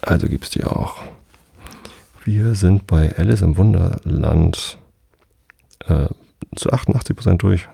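A man reading a children's classic aloud in plain, even storytelling, recorded close and dry. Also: low-pitched, unhurried, gravelly, long pauses, slightly rough, dry recording. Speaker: audiobook reader.

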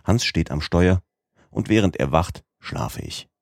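Audiobook narrator: man, very low voice, measured first-person reading, dry close sound. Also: big pitch swings, vocal fry, dry recording. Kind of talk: scripted narration.

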